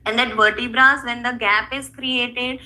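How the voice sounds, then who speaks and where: A woman with a North Indian accent leads a yoga lesson in a strikingly bright, sharp-edged voice pitched on the high side. A native Hindi speaker, she talks as an instructor, stretching out cues and counts between explanations. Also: fairly even intonation, unhurried, slight background noise. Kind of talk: instructional yoga class, guiding movements and breathing.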